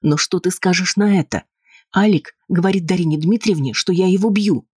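A man lifting his voice to play a nervous, insistent wife, pitched well above his usual register, husky and sharp-edged. She pleads and snaps defensively, in a dry, close recording of an audiobook. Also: normal speed, no room sound. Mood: indignant. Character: anxious, insistent wife, adult woman.

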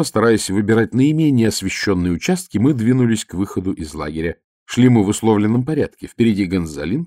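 A man reading a first-person adventure audiobook in a lively storytelling manner. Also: lowish voice, no echo, clean studio sound. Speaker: audiobook narrator.

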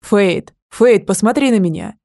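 A woman's voice: mid-range voice, expressive, a little slow, mellow, dry recording, studio quality. A woman voicing a young male dragon who presses his point urgently and insistently.

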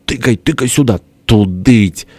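A man voicing a gruff, hoarse older father-in-law in an audiobook, barking orders impatiently. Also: medium pitch, measured pace, darkish tone, no echo, voice pushed up, natural voice. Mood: scolding. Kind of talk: audiobook character voice.

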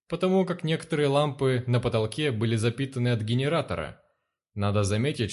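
A man's voice: mid-range voice, darkish tone. A man narrating a first-person story in a crude, profane, sardonic manner.

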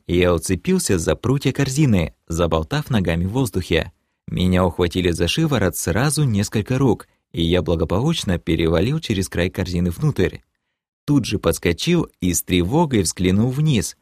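A man narrating a fantasy audiobook in first person, dramatic and lively, breaking into shouted lines. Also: deep voice, no echo, clean studio sound. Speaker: audiobook reader.

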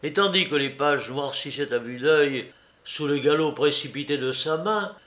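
A man reading a classic novel aloud as audiobook narration, measured and expressive. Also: on the high side. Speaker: audiobook reader.

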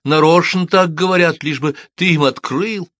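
A man voicing a sharp-tongued, wary farm wife in a storybook reading. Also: a little high, moderate pace, dry recording, studio quality, pitched above the performer's own voice, natural voice. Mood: insistent. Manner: scolding, insistent.

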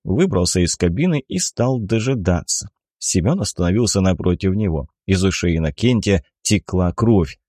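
Low-voiced male audiobook narrator, dry. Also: lively intonation, normal speed, dark tone, no room sound. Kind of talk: scripted narration.

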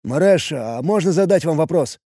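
A man voicing a young, naive male goblin soldier who talks in a quick, whiny, breathy way. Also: sits high, lively intonation, dark tone, no echo, clean studio sound, voice pushed up. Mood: curious.

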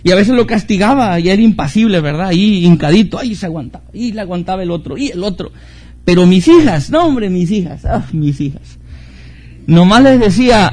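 A middle-aged male pastor delivers an earnest sermon in a high-pitched voice. He leans on rhetorical questions and repeats phrases for emphasis. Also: a little mellow. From Mexico.

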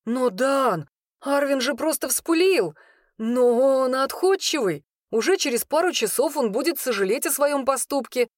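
Woman playing excitable young male friend, high-pitched and pleading, dry storybook read. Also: moderate pace, dry recording, lightly acted. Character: cheerful, eager young man, friend of the hero.

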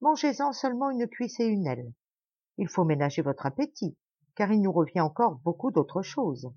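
A woman's voice: medium pitch, big pitch swings, normal speed, dark tone, slightly rough, no echo, highs cut off. A woman voicing a pompous, lavish male lord who grandly and insistently presses food on his guest, in an audiobook tale. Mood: grand, coaxing.

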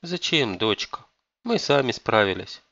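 A man voicing a weary, ashamed middle-aged mother who speaks softly and sadly. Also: medium pitch, sing-song, a little slow, creaky, no echo, muffled recording, exaggerated voice. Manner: soft, sorrowful.

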